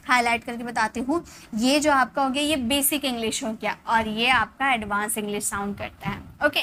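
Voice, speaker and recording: A woman teaching an English lesson in Hindi. She reads the English examples slowly and answers her own questions. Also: high voice, bright, forceful tone, a little hiss or hum. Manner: slow, spelled-out reading of English example sentences; asks questions and answers them herself.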